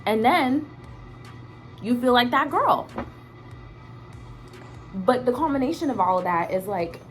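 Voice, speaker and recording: Faint music plays behind a woman vlogger whose voice is a little high, with lively intonation and a somewhat slow pace. She gives her viewers a casual, opinionated chat, emphatic and slangy, swearing and repeating words to drive points home.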